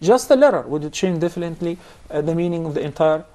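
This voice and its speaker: A man's voice: on the high side, lively intonation, quick pace, very noisy. A man teaching a Quran recitation class, explaining points patiently and quizzing his students. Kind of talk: classroom instruction.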